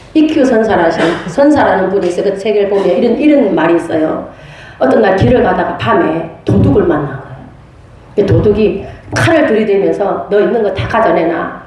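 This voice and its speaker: A woman, a pastor's wife, teaching a church class on prophecy, telling stories in a lively way and laughing often. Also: mid-range voice. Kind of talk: church lecture with storytelling. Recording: very echoey room.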